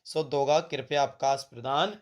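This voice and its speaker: A man's voice: medium pitch, normal speed. A man teaching a grammar lesson to students, calling them "beta" and making joking asides between corrections.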